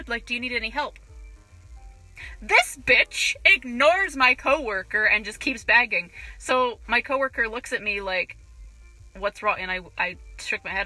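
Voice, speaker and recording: Young woman ranting in a bright voice. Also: mid-range voice, low-quality recording. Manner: profane, indignant, animated retelling. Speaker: vlogger, cashier. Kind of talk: ranting vlog storytelling.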